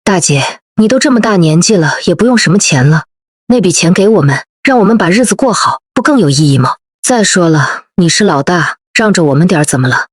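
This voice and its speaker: A selfish young man, voiced by a woman, brushes his sister off in a stubborn, dismissive way. The tone stays low and husky, with a dry close sound for an audio story. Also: lively intonation, fairly quick, no room sound.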